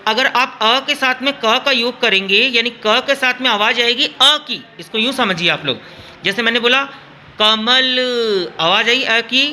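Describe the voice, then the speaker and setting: Guy teacher going over grammar with students, real sharp bright voice, keeps repeating stuff. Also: very high voice, a little hiss or hum. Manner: repetitive, addresses students directly, drawn-out sounds in demonstrations. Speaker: school teacher. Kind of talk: classroom grammar lesson.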